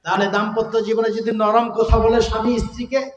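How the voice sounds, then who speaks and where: Guy preaching hard, very high voice, chants verses all drawn out, big echoey hall. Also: level tone, dull audio. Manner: fervent, chants Quranic verses in a drawn-out singing tone; asks the crowd rhetorical questions. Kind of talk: sermon. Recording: echoey hall with long reverb.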